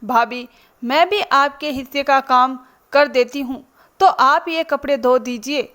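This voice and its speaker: A woman's voice: sits high, unhurried, fairly bright tone. A woman voicing a petulant, complaining young daughter-in-law in a spoken storybook. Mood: grumbling. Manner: grumbling, sulky.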